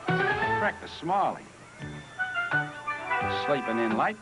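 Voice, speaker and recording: A cheery Australian-accented pitchman, as a man plays him in an old TV ad, jokey and breezy. His voice sits high and bounces lively. Loud music plays beneath. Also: slow, full character voice, poor audio. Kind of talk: 1980s TV commercial. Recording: off-air TV tape with loud music.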